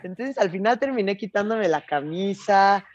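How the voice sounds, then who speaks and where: A young woman with a Mexican accent telling a story in casual chat, slangy and animated, acting out bits of dialogue. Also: medium pitch, normal speed, muffled recording.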